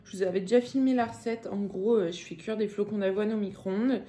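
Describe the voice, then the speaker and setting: A woman's voice: mid-range voice, steady tone, fairly quick, dark tone, echoey room. A young woman vlogging casually and enthusiastically in her home kitchen, chatting freely with lots of fillers. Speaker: fitness and food vlogger. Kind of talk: casual vlog chat.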